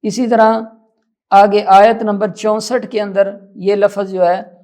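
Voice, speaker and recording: A patient Quran reading teacher explaining pronunciation at an unhurried pace. The voice sits in a middle pitch and stays calm and instructive, stretching difficult words out and repeating them for correction.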